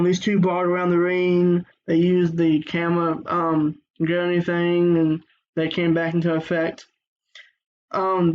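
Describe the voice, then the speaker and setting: A man's voice: high-pitched, highs cut off. A man giving a casual, rambling review of a wrestling show, full of fillers and restarts.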